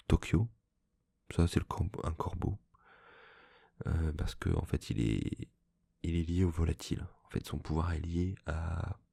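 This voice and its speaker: A man speaking in a hushed, soft-spoken ASMR manner, slipping into whispers, with a husky, breathy voice, chatting casually as a host. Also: sits low. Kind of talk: soft-spoken ASMR, casual chat about book purchases.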